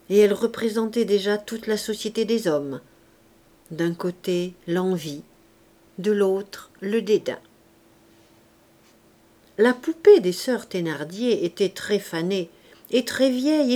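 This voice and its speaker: A woman reading a classic novel aloud as an audiobook narrator, measured and careful. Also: mid-range voice, animated, mellow. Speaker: audiobook reader. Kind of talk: scripted narration.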